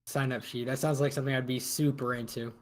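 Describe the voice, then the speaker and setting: A man's voice: mid-range voice, level tone, quick pace. A man playing in a tabletop game, talking in an easygoing, friendly way. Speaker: player. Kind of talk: casual chat at a game table.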